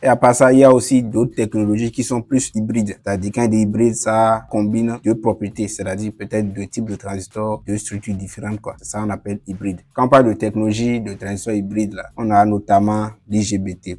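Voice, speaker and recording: A man's voice: lowish voice, flat delivery, brisk, few pauses, a little mellow. A man teaching an electronics lesson, explaining while he writes and tossing casual asides to viewers. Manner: apologizes for his English pronunciation. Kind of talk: whiteboard lesson.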